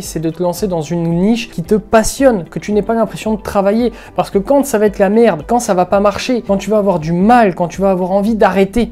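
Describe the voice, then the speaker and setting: Homme coach en ligne, voix douce et chaude, débit vif, tutoie le spectateur, martèle ses mots. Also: male voice, high voice. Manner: energetic, emphatic, repeats words for stress, talks straight to the viewer. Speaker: YouTube business coach. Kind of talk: casual motivational advice monologue.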